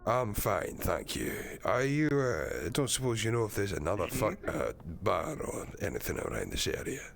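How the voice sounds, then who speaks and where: A man roleplaying a gruff, weary character who mutters and swears. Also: fairly low pitch, big pitch swings, normal speed, a little hiss or hum. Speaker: roleplayer voicing his character. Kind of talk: casual in-character roleplay chat.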